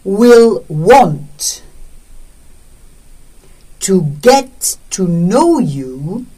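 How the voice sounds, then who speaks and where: A woman teacher reading a text aloud as a dictation in deliberate short phrases, speaking the punctuation. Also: mid-range voice, very animated, dark tone, far from the mic, low-quality recording.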